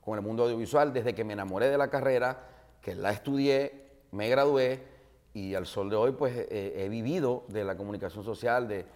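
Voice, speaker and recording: A man's voice: fairly low pitch, moderate pace. Joking Maracaibo-accented man telling anecdotes. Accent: Maracaibo Venezuelan Spanish. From Zulia, Venezuela. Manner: animated, jokey anecdotes with many fillers. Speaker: interview guest, broadcaster. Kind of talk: casual storytelling interview.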